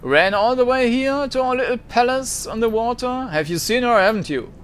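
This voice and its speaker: A man's voice: extremely high pitch, animated, moderate pace, a bit bright, a little hiss or hum, voice pushed up. A man voicing a suave, decadent male socialite in a game, with a drawling, theatrical manner. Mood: haughty.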